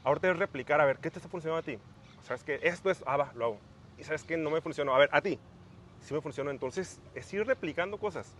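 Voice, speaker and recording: A man's voice: fairly high pitch, fast, fairly bright tone, slight background noise. A young man hosting a casual podcast, thinking aloud with frequent restarts and fillers. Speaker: podcast host.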